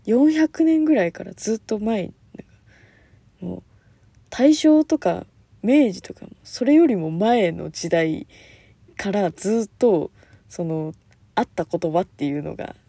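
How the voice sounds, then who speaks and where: A young woman hosting a casual solo talk show, chatty and animated, with lots of fillers and frequent laughs. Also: medium pitch, slightly rough, dry recording. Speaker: podcast host.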